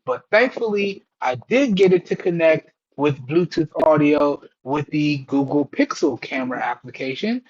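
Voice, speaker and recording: A man's voice: on the high side, lively intonation, moderate pace, hardly any pauses, muffled recording. A man casually narrating a product test to viewers in a folksy, explanatory way, recorded through a Bluetooth earbud headset mic. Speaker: tech reviewer, channel host. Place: indoors at home. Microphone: wireless earbud microphones over Bluetooth.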